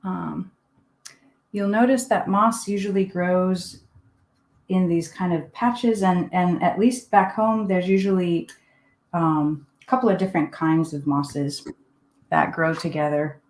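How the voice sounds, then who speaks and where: Teaching a live online painting class from her home desk, a Finnish art teacher talks casually and thinks aloud while she works. Her voice is fairly low, steady and a little mellow, and she speaks a little slowly. The recording has a roomy echo.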